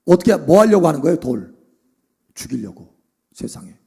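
A man's voice: a little high, big pitch swings, moderate pace, gravelly, mellow, husky. A man preaching a sermon as a pastor, emphatic, often checking in with the congregation and acting out quoted voices. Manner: acts out quoted voices of Moses and the people within the sermon.

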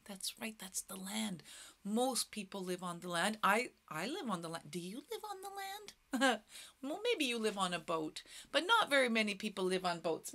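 A woman in her thirties with a mid-range, bright, forceful voice teaches a children's music class. She speaks playfully and exaggerates for the little kids, often dropping into stage whispers.

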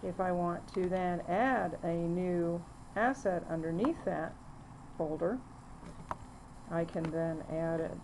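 A woman narrating a screen-recorded software demo, walking through the steps plainly with frequent fillers. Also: fairly low pitch, slow pace, a little hiss or hum, low-quality recording. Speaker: software demonstrator.

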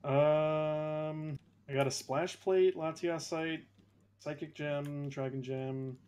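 A man's voice: a little high, fairly even intonation, slow pace, darkish tone. A man chatting casually while playing a video game with friends. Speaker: gamer in a group playthrough. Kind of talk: casual gaming chat. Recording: clear background noise, keyboard typing.

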